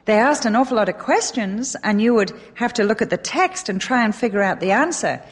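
A middle-aged woman from England with an English accent, giving an animated, emphatic Bible teaching talk with a touch of self-deprecating humor. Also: on the high side, a little fast, slightly rough. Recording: long hall reverb.

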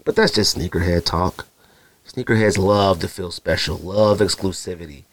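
In a low, steady voice at a moderate pace, an Arizona man hosts a solo podcast, talking casually in a slangy, rambling way. He often mimics other people. The recording has no room sound.

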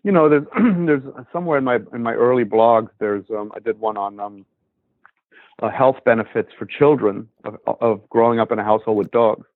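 A dog trainer who hosts a podcast talks casually and rambles with lots of fillers. His medium-pitched voice is brisk, the recording dry and coming through a tinny phone line.

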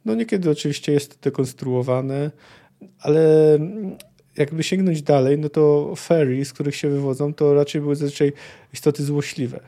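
A man's voice: fairly high pitch, moderate pace, dark tone. A young man hosting a book podcast, talking thoughtfully and hesitantly, with many fillers. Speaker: podcast host.

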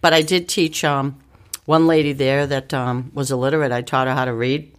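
A middle-aged woman telling her story in casual chat, candid, with quick asides and frequent laughter. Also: very deep voice, fairly even intonation, clean tone. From Italian-American family, northeastern US. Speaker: podcast guest.

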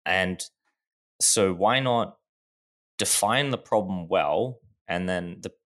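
A young man in his twenties with a deep, gravelly voice talks through his company's tech on a podcast. He restarts sentences often and leans on fillers as he explains. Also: a bit bright. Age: 20s. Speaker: startup founder guest. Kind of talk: casual podcast interview.

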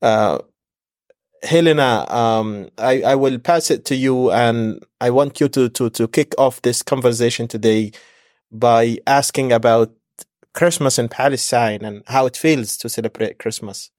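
Measured podcast host, dry sound. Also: male voice, medium pitch, a little mellow, no room sound. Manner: measured, with frequent fillers. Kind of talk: podcast introduction and chat.

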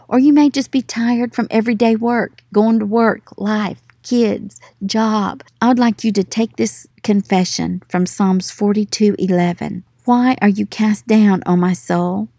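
A woman leading a devotional Bible teaching, reading scripture and affirmations in an earnest, encouraging way and slowing down on key words. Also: medium pitch, dark tone, no room sound, studio quality. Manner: earnest, encouraging, slows for emphasis on verses.

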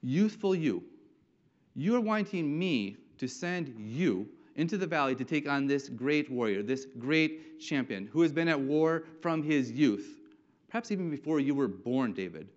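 A man voicing a cautious king who talks down to an eager youth and tells him to slow down, in a dull lo-fi recording. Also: on the high side, animated. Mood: patronizing caution. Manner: patronizing, cautioning. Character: doubtful king Saul, older man, cautious. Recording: dull lo-fi sound.

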